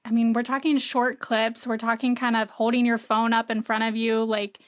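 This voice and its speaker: A woman's voice: fairly high pitch, level tone, moderate pace, no room sound, studio quality. A woman guest on a podcast, explaining marketing casually with many "like" fillers. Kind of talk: conversational interview.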